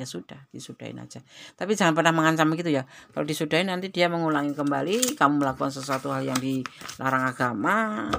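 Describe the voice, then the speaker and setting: A woman reads tarot cards for her viewers, speaking with a light tinge. Her voice sits very low and carries a gravelly, fry-edged texture. She talks in a chatty, exclamatory way, often breaking into pious interjections. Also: noisy background. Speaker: tarot reader. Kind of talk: tarot card reading addressed to viewers.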